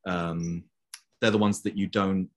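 A man's voice: sits low, little pitch movement, measured pace. A young man raised in Belgium, chatting as an interview guest over a video call with many fillers. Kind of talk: casual conversation.

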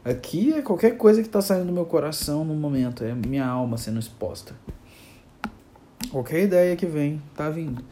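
A young man, improvising an animated, rambling comic monologue. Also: on the high side, moderate pace, slight background noise.

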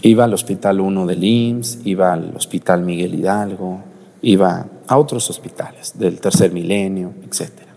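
Middle-aged man, mexican accent, priest preaching, storytelling, warm tone, echoing church. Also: low voice, normal speed, gravelly. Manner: storytelling, direct address to the congregation. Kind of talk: sermon. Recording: reverberant church.

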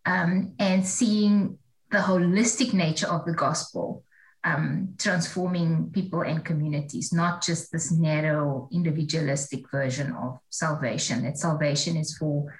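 A woman's voice: sits low, low-quality recording. A woman in her forties, a theology professor talking as a guest, chatty and reflective, laughing at herself. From South Africa. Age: 40s. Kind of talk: casual interview storytelling.

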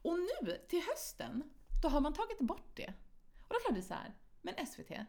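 A woman in her thirties chats on a podcast in a fairly high, very lively voice that swings up and down. She laughs often and lets sentences trail off as she jumps between thoughts. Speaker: podcast co-host. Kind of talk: casual chat.

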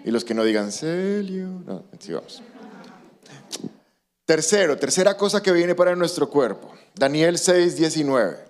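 A man preaching a sermon as pastor, animated and acting out quoted voices. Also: on the high side, moderate pace, few pauses.

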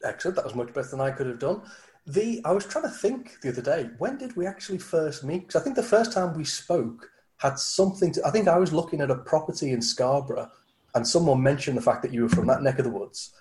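Fast-talking joking male podcast host. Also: fairly high pitch, lively intonation, a little mellow. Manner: quick, joking, informal. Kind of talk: casual chat.

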